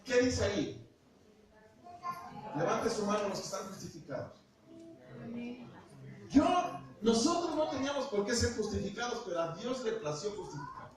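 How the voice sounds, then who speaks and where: A man's voice: high voice, sing-song, normal speed, long pauses, a crowd in the background. A middle-aged Mexican man preaching a sermon as pastor, talking to the congregation like a conversation and asking them questions. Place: church hall. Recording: echoey hall, from far off, noisy.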